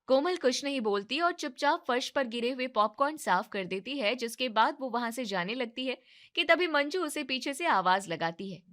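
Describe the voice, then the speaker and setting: A woman narrating a family story in an even, scripted storytelling manner. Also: high voice, normal speed.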